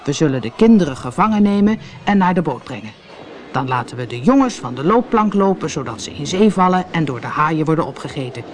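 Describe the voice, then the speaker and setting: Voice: medium pitch, animated, a little fast, slight background noise, close to an everyday voice. A storyteller from the Netherlands voicing a blustering, threatening male pirate captain in a storybook reading. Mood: scheming. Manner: bellowing, threatening.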